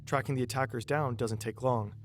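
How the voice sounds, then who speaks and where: A man narrates a scripted documentary in a medium-pitched, steady voice at a slightly fast pace. A music bed runs behind his narration.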